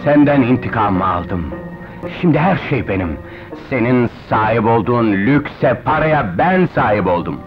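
An actor playing a villain who slowly and tauntingly gloats over his revenge on a rival, in 1970s dubbed-film style. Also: medium pitch, lively intonation. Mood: gloating. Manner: slow, taunting. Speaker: film character. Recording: dull old film soundtrack with music.

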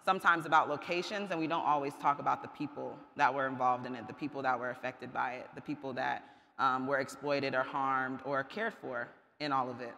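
A man's voice: mid-range voice, fairly even intonation, brisk, vocal fry, sharp tone. A man speaking as a community organizer on a panel, reflective and thoughtful. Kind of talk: panel talk. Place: large covered market shed. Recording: long reverb in large hall.

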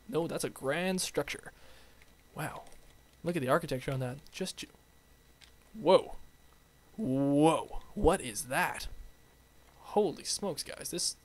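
A young man talks viewers through his game in a chatty, excitable ramble. His voice sits a little high. A faint hiss lies under the recording. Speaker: game video host. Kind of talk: playful let's-play commentary.

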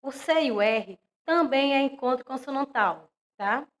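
A young woman teaching an online lesson to young children with a Brazilian accent, speaking slowly and clearly and stressing each example word. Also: sits high, expressive, a bit bright. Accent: Brazilian Portuguese. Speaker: primary school teacher.

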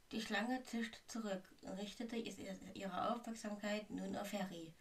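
A woman's voice: medium pitch, recorded from a distance. A woman reading a story aloud in a plain way, with small slips and restarts.

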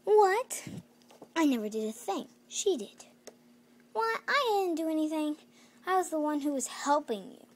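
A woman's voice: sits high, expressive, normal speed, voice pushed up. A woman voicing an earnest, cautious young female detective who talks to herself in a homemade doll-mystery story. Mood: indignant. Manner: mutters and whispers to herself. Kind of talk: playful doll-mystery acting.

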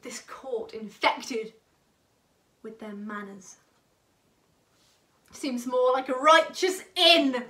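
A young woman acting a haughty, scornful noblewoman in a theatrical Shakespearean English monologue, declaiming between hushed and forceful delivery. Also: high voice, extremely slow, long pauses, full character voice. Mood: scornful disgust. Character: haughty, scornful noblewoman rebuking an old man. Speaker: student actor. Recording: distant mic.

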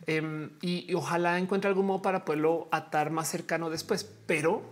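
Woman, live-stream host, casual chatter, reads the chat, laughs a lot, somewhat low voice. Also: steady tone, fairly quick. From Colombia. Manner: chatty and slangy, laughing often. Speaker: livestream host.

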